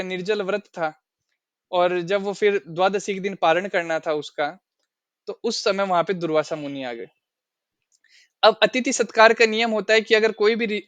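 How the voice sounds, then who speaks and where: A man's voice: sits high, fairly bright tone, smooth, dry recording. A man teaching a scripture class, explaining verses at length and asking his listeners questions. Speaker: spiritual teacher.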